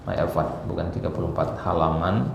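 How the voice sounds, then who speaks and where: Gravelly-voiced man teaching in a mosque hall. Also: low voice, flat delivery, quick pace. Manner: asks the class questions, then answers them himself. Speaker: Arabic teacher. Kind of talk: classroom grammar lesson. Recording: roomy hall echo with faint background noise.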